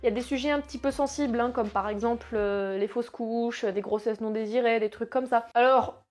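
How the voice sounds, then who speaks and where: A woman's voice: on the high side, steady tone, a little fast, darkish tone. Chatty young woman reviewing books. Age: 20s. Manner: chatty, slangy, self-mocking asides. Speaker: book vlogger. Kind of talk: casual book review vlog.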